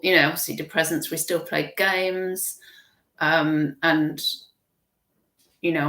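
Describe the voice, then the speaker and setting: A British woman hosting a casual live stream from her kitchen, rambling chattily and breaking off her own sentences. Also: on the low side. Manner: chatty, self-interrupting, warm chuckles. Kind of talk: rambling casual chat, reading viewer comments. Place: home kitchen. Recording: echoey home kitchen.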